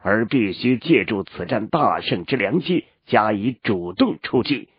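A man voicing a silver-haired old male sect elder who speaks in a measured, modest way. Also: fairly low pitch, very animated, slightly rough, dry recording, exaggerated voice. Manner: measured, humble then stern. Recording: lo-fi with faint music.

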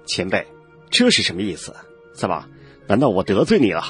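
A man's voice: on the low side, expressive, unhurried, soft background music. A man voicing a wary, respectful young male cultivator who questions an elder. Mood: alarmed.

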